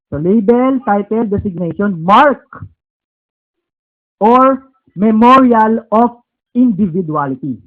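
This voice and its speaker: High-voiced Filipino preacher, tinny recording. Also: male voice. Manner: keeps asking "okay?" and "di ba?"; spells out and repeats words slowly. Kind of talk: Bible teaching at a home service.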